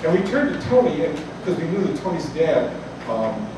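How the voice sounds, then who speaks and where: His fairly high voice swings widely in pitch as this South Side Chicago man in his sixties tells a story live, moving at a moderate pace with folksy, humorous asides. The cafe is echoey and noisy, and a distant mic picks up room ambience and chatter.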